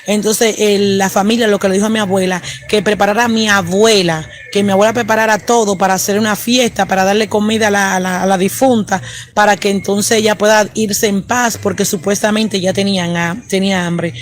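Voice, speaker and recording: A man's voice: high voice, steady tone, a little fast, slight background noise. A man evangelist, telling a personal testimony and peppering it with praise interjections. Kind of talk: testimony storytelling.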